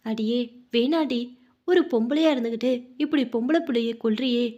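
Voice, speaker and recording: A woman voicing a kind older father-in-law who consoles his daughter-in-law softly. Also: a little high, normal speed, lo-fi sound, close to an everyday voice. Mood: consoling. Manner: soothing, consoling.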